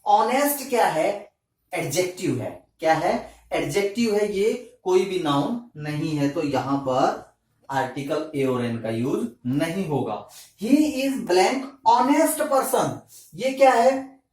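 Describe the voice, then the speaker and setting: A male teacher explains grammar step by step, posing questions to his class and answering them himself. His pitch moves up and down a lot, and his delivery is unhurried. He sounds set back from the microphone in a very reverberant room. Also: big pitch swings, a little mellow. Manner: slow, deliberate explaining. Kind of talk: classroom lesson in Hindi. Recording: echoey room, mic at a distance.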